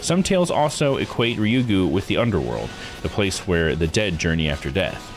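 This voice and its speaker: Reading a visual novel's text aloud during a live playthrough, a man muses to himself in relaxed commentary. His voice is low-pitched and sing-song, moving at a moderate pace, with music behind it.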